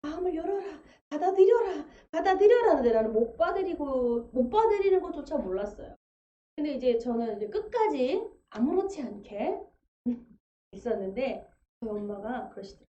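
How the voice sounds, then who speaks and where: A woman with a high but mellow voice preaches a testimony from a church pulpit, telling her story with vivid detail and acting out the voices she quotes. The sound comes through a dull livestream feed. It echoes around the sanctuary, with a faint murmur of the room behind her. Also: sing-song, brisk, a little hiss or hum. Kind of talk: testimony sermon.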